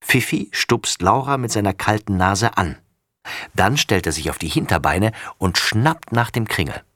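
A man reading a children's story aloud with lively, expressive narration. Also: on the low side, moderate pace.

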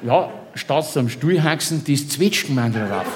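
A man's voice: a little high, lively intonation, normal speed, noisy background. A man with a Bavarian accent telling a comic story in a rambling, chummy way and keeps checking in with his listener.

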